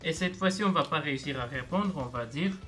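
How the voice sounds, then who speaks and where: A man's voice: fairly high pitch, expressive, a little fast, a bit bright, soft background music. A man teaching a video language lesson, explaining step by step and patiently repeating words for learners.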